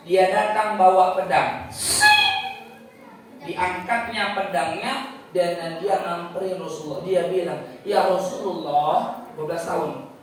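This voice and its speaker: Male preacher, dramatic sermon storytelling; distant mic, echoey mosque hall, faint hiss. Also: high-pitched. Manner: dramatic, rising and falling storytelling.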